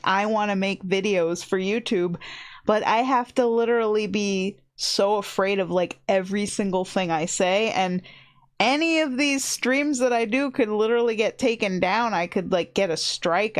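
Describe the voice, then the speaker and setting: Chatty woman streamer rambling with "like". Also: medium pitch. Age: 30s. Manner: chatty, rambling, fills with "like", laughs often. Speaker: VTuber streamer. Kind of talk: casual stream chat.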